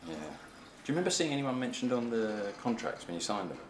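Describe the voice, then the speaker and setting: A man's voice: medium pitch, big pitch swings, fairly quick, lightly acted. A man playing a troubled married man in a film drama, with hesitant, restarting speech. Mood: exasperated. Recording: noisy film location sound.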